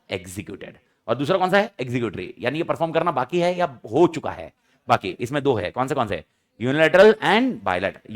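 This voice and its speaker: Male teacher, revision lecture, lively pitch, fairly high voice. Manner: animated, quizzes students and answers his own questions; acts out quoted speakers in example scenarios. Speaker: law teacher.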